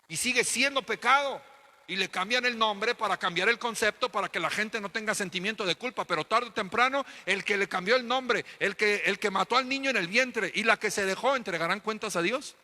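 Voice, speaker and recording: A Mexican-accented man preaches to his congregation, driving points home with repeated phrases and pointed questions. His voice sits high and cuts sharp and bright. The sound carries the long echo of a church hall. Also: a little fast. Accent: Mexican Spanish. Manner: preaching with emphatic repetition and rhetorical questions. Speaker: pastor. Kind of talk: sermon.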